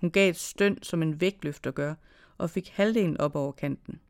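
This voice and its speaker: A literary reader moves slowly through dated diary entries and a short story, in short phrases with pauses between them. The voice is gravelly with a lot of fry, yet smooth and resonant underneath. The sound is dry and close, with no room around it. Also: medium pitch, no room sound. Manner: slow, measured reading with short phrases and pauses. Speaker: reader of own prose.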